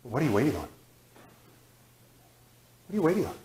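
A man in his thirties preaching a sermon in a church sanctuary, repeating phrases with emphasis and sudden drops to a hush. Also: on the high side, wildly swooping pitch, brisk. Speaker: guest preacher. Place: church sanctuary, large indoor room. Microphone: far camera, room mic. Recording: echoey church hall.

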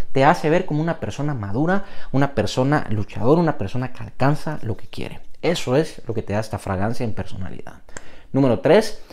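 Lively young man reviewing fragrances. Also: mid-range voice. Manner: enthusiastic, lively intonation. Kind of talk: product review vlog.

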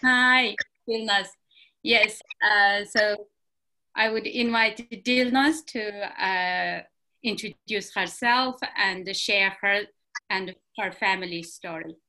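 A woman hosting an online event, introducing the next speaker in a slow, hesitant, welcoming way over a video call. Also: medium pitch, sharp tone. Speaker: event host.

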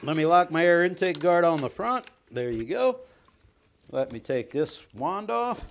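In a staged living room, a middle-aged man plays sales trainer, joking folksily and cheerfully while he handles gear for a product demo. His fairly high voice is expressive and a little slow, with a touch of hiss or hum on the recording.

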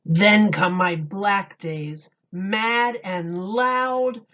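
In a teacherly way, a woman reads a children's picture book aloud, deliberate and expressive, leaning dramatically on key words. Her voice is medium-pitched and a bit bright, and the sound is lo-fi.

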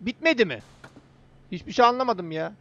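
High-pitched young man narrating gameplay. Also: lively intonation, fairly quick, fairly bright tone, lo-fi sound. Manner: chatty, talks to the game character and viewers. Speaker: gaming YouTuber. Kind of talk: casual gameplay commentary.

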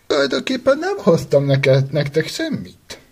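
A man's voice: fairly high pitch, wildly swooping pitch, creaky, slightly rough, exaggerated voice. A man voicing a greedy, grouchy Grinch who poses as Santa, talking in a bossy, scheming way in an amateur cartoon. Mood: mocking.

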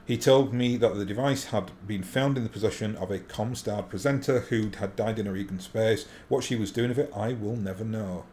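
A man voicing an honourable noble lord from a video game, formal, measured and stately. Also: lowish voice, darkish tone, natural voice. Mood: grave, grateful. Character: courteous noble lord, grave, grateful, honourable. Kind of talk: reading game dialogue aloud in character. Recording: faint background noise.

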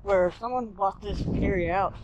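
A man's voice: high-pitched, moderate pace, highs cut off, heavy background noise. A man casually narrating as he walks through empty abandoned houses, making offhand comments while filming on a handheld camera. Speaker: urban explorer vlogger.

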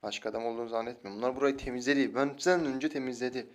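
A young man with a Turkish accent giving casual, excitable gameplay commentary and taunting opponents as he plays. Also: mid-range voice, racing. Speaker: mobile game streamer. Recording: noisy with loud gunfire behind.

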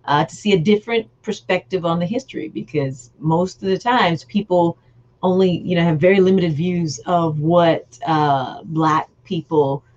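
A woman's voice: fairly low pitch, normal speed, a little mellow, dull audio. A woman, a guest author, talking earnestly and at length in a casual chat over a video call. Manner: earnest, emphatic, explaining at length.

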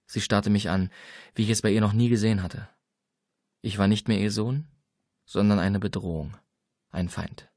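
Male audiobook narrator, lowish voice, dry close sound, measured and subdued. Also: no room sound. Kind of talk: scripted first-person narration.

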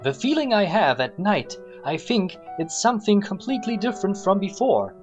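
A man's voice: high-pitched, sing-song, moderate pace, a little mellow, muffled recording, faint music behind. A man hosting a mock-dramatic reading of a novel, theatrical and full of sarcastic asides. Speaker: host reading aloud a novel and mocking it.

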